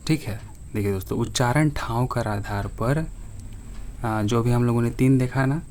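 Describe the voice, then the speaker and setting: A man teaching an exam-preparation grammar lesson to his viewers, reading each question slowly and clearly before explaining it. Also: medium pitch, a little mellow, a little hiss or hum.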